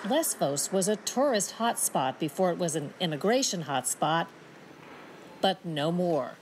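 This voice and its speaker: A woman reporter narrating a news report in a measured, matter-of-fact way. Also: on the low side, expressive, a little hiss or hum.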